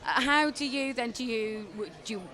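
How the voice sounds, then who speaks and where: A woman's voice: fairly high pitch, moderate pace, bright, forceful tone. A woman interviewer asking upbeat, leading questions at an outdoor film premiere. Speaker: entertainment interviewer. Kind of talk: red-carpet interview questions.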